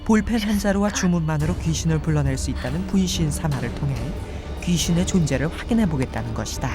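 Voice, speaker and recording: A woman's voice: low voice, expressive, fast. A woman reading scripted narration for a mystery documentary. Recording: voice-over under loud music. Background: loud background music.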